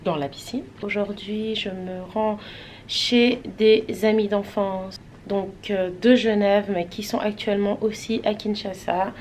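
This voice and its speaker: A woman's voice: medium pitch, darkish tone, slight background noise. A woman from Switzerland chatting casually to her vlog viewers, rambling with many hesitations. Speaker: vlogger.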